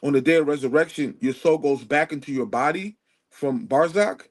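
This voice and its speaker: A man who joins a live online panel as a guest and argues his side, cutting in often and apologizing along the way. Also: fairly high pitch. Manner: quick to interject, apologetic, then argumentative. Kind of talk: casual debate on a live panel.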